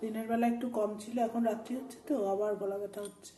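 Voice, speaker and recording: A woman's voice: medium pitch, flat delivery, quick pace, noisy background. A woman with a sore throat, chatting homely in a casual cooking vlog from her home kitchen, explaining each step. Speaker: vlogger.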